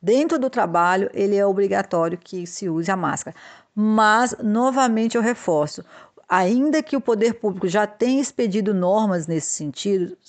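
A woman explains workplace legal rules on a podcast. She is deliberate and advisory, and she often hesitates and restarts a phrase before going on. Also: medium pitch, lively intonation. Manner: measured, with frequent hesitations and restarts. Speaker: podcast host, labor law advisor.

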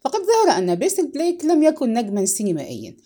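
Expressive woman reading aloud. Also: sits high, rapid-fire. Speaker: audiobook narrator. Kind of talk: scripted narration.

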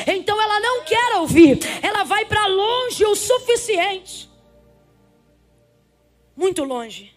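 A woman preaches with a very high, bright voice. She moves from hushed, drawn-out lines to ringing, fervent cries, calling out to the congregation. Soft music plays faintly underneath. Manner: impassioned, swings from soft to shouting, addresses congregation. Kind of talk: sermon.

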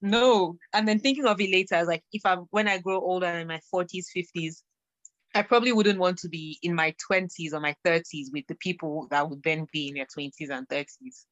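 A young adult woman co-hosting a casual podcast chat, speaking in a relaxed, slangy way. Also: fairly low pitch, brisk, dry recording, muffled recording. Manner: laid-back, slangy, laughing easily.

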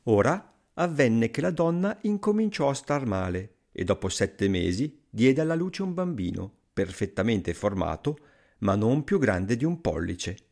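A man narrating a fairy tale in an expressive storytelling manner. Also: mid-range voice, measured pace, creaky.

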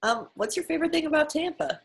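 A woman's voice: high voice, animated, fast talker, rough recording. A woman interviewing a guest in a casual, encouraging way, often laughing and affirming the answers.

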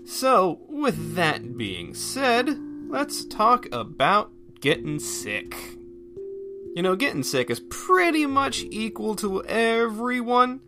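Over music, a man hosting a podcast alone rambles casually, thinking aloud in a folksy, self-effacing manner. His high voice swoops wildly in pitch, and he speaks slowly.

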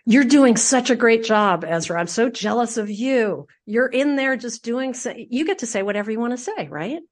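A middle-aged woman from Philadelphia, a public radio host being interviewed, talking in an earthy, candid, lively way. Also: fairly high pitch, normal speed. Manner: earthy, animated, self-deprecating. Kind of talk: casual interview chat.

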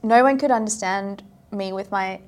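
As a guest in a casual podcast interview, this young South African woman talks at normal speed with a medium-pitched voice. Her chatty speech is packed with fillers, with "like" cropping up often.

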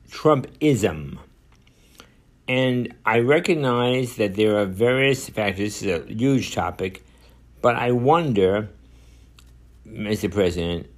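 An older man in his seventies talks alone into his podcast mic. His voice sits a little low, and he rambles through his points with frequent "uh"s and restarts. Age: 70s. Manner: rambling, many fillers and restarts. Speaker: podcast host. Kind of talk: solo podcast monologue.

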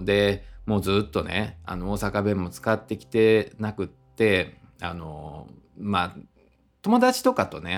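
A man with an Osaka accent talks through a relaxed solo podcast, padding his sentences with fillers and friendly tag particles. His voice sits low with a gravelly edge. His pitch jumps up and down freely as he goes. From Osaka, Japan. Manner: chatty, conversational, many fillers and tag particles. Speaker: podcast host. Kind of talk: casual solo podcast talk.

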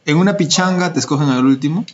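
A man's voice: fairly high pitch, fast talker. A young man with a Peruvian Spanish accent, joking and teasing in a casual podcast chat. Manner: teasing, lively, laughs often, slangy. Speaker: podcast co-host. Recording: dull lo-fi recording.

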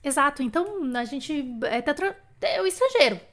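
A woman's voice: high-pitched, lively intonation, fairly quick, fairly bright tone. A Brazilian woman hosting a casual live lesson, talking conversationally to viewers and often checking in with questions. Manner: chatty and conversational, often addressing listeners with questions and check-in tags. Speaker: live-stream host and language teacher.

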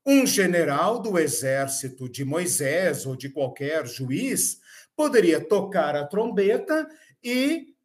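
A man with a Brazilian Portuguese accent giving a recorded Bible lecture, explaining step by step and closing points with tag questions. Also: high voice. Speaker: Bible teacher.

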